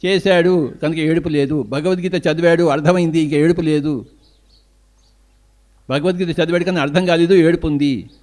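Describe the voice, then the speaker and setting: A man's voice: on the high side, fairly even intonation, moderate pace, a little mellow. An older man with a Telugu accent giving an emphatic spiritual discourse as a meditation teacher, asking questions and answering them himself.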